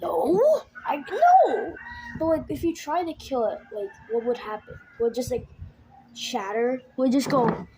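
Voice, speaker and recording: A woman with a high voice chats casually while reacting to a video. She rambles, restarts her sentences and stumbles over her words. Clear background noise sits behind her voice. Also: normal speed, darkish tone, rough recording.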